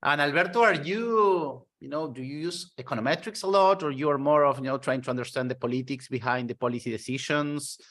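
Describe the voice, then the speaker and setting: Male interview host, mid voice, eager, halting, filler-heavy. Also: mid-range voice, a bit bright. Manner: enthusiastic, halting, many "uh" fillers. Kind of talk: online interview hosting.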